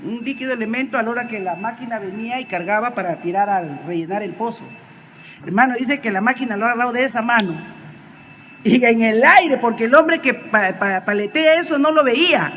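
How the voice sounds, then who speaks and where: A woman's voice: fairly high pitch, a little hiss or hum. A woman teaching a Sunday school sermon, telling stories animatedly and acting out the voices of the people in them. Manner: animated storytelling, acts out quoted voices, builds to emphatic exhortation.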